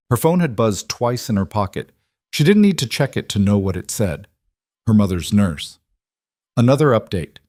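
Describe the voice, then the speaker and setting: A man doing scripted narration with a measured, dramatic storytelling manner. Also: fairly low pitch, darkish tone, no echo, clean studio sound.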